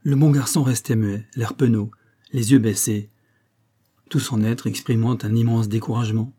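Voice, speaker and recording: A man narrates a classic novel in a measured, even voice. His tone is warm and somewhat husky. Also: medium pitch. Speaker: audiobook reader. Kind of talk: scripted narration.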